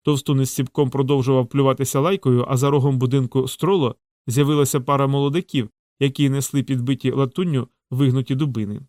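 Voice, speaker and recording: A man narrating an audiobook in a measured storytelling voice. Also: mid-range voice, fairly even intonation, darkish tone, no room sound, studio quality. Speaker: audiobook reader. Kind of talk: scripted narration.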